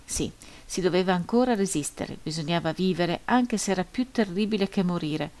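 A woman's voice: on the low side, animated, a little mellow. Solemn woman reading a memoir. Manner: measured, solemn, grave reading. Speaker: audiobook reader. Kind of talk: scripted narration of a first-person memoir.

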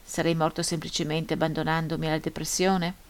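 A woman's voice: deep voice, level tone. Solemn woman reading a memoir. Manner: measured, solemn, grave reading. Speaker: audiobook reader. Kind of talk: scripted narration of a first-person memoir.

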